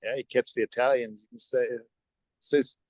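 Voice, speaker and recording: Man, fairly high voice, animated, laughing, dry close sound. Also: normal speed, no room sound. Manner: animated, laughs often, jumps between topics. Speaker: podcast co-host. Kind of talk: casual chat.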